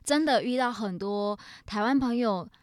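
A woman's voice: fairly high pitch, moderate pace, no room sound, clean studio sound. A woman from Vietnam with a Vietnamese accent, speaking Mandarin as a foreigner and telling stories casually as an interview guest. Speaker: interview guest, bilingual host and video creator.

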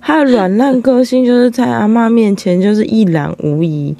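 A woman hosting a podcast in casual chat, teasing and animated. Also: on the high side, normal speed, no echo. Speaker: podcast host.

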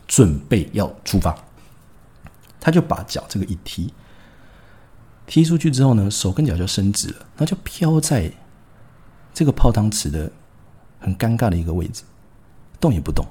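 Lively, husky-voiced Taiwanese storyteller man. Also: on the low side, moderate pace, long pauses. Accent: Taiwanese Mandarin. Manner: animated, wry, frequent fillers and asides. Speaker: podcast host. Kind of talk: casual storytelling.

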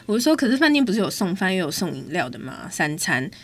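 A woman's voice: lowish voice, sing-song, fast. A woman, telling a story in a casual, exasperated chat as host. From Taiwan.

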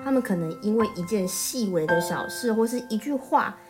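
A woman's voice: medium pitch, expressive, a little fast, loud music behind the voice. A woman co-hosting a children's programme, explaining parenting matters conversationally. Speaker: co-host. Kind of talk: parenting chat.

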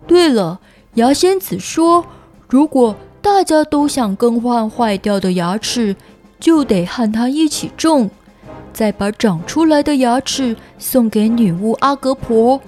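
A woman's voice: fairly high pitch, lively intonation, measured pace, darkish tone, faint music behind. A woman playing an earnest, dutiful little fairyland soldier who explains things in a children's audio storybook. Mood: earnest, informative.

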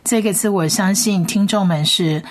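A woman teacher leading a Bible Hebrew reading lesson, slowly and patiently sounding out each letter. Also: medium pitch. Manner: slow, patient spelling-out of sounds.

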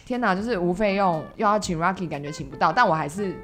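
A woman with a Taiwanese Mandarin accent hosting a podcast, chatting casually in an expressive, exclaiming way. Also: lowish voice, fast. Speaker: podcast host. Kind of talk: casual chat. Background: music.

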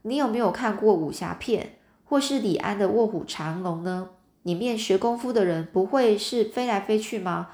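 A woman's voice: mid-range voice, moderate pace, darkish tone, echoey room, natural voice. A woman reading as an easygoing twelve-year-old boy. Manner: easygoing, teasing. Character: friendly twelve-year-old boy, playful and a bit lonely.

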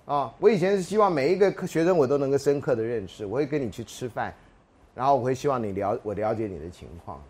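A man's voice: mid-range voice, fast talker, husky. A man, a university lecturer telling classroom anecdotes, acting out dialogue and asking rhetorical questions. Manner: animated storyteller, acts out dialogue, frequent rhetorical questions.

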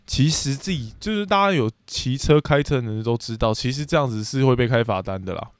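A man's voice: medium pitch, animated, a little fast, clean tone, dry recording. Teasing man. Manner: teasing, dry interjections. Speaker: podcast co-host. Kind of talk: casual chat.

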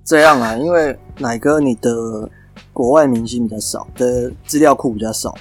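A man's voice: medium pitch, normal speed, faint music behind. A man with a Taiwanese Mandarin accent chatting casually as a podcast co-host during a guessing game. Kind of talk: casual chat while playing a guessing game.

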